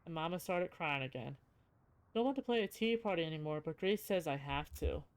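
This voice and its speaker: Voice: mid-range voice, lively intonation, fairly quick, smooth, lightly acted. Someone reading as a frightened little frontier girl. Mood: uneasy, innocent. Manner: childlike, plain, folksy rural phrasing. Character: frightened young frontier girl writing her diary. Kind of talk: reading a game diary aloud.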